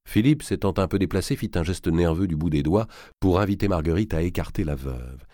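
Deep, lively man reading a novel. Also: a little fast, dry recording, clean studio sound. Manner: expressive storyteller, varied delivery. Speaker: audiobook narrator. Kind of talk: scripted narration of a historical novel.

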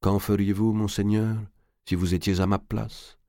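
A man's voice: lowish voice, level tone, mellow, dry recording, clean studio sound, pitched above the performer's own voice, close to an everyday voice. A man doing a cold, scheming merchant. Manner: cool, deliberate and cutting. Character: cold calculating middle-aged male merchant.

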